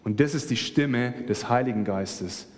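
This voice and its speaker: A man's voice: mid-range voice, unhurried, big-room sound, a little hiss or hum. A man preaching a sermon with passion, speaking straight to his listeners. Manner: impassioned, addresses the listeners directly.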